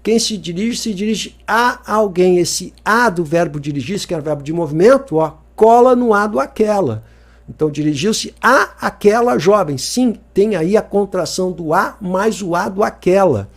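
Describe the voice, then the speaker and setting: Male teacher, higher voice, jokey and lively, talks straight to the viewer. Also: moderate pace. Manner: lively, joking, asks the viewer questions often. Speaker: Portuguese teacher. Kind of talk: exam-review lesson.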